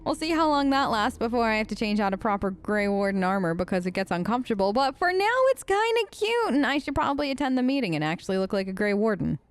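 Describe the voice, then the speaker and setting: A young woman streams a role-play playthrough, chatty and playful, replying to the game's characters in her own voice as casual commentary. She talks fast with few pauses in a sing-song, fairly high voice, and the recording is dry.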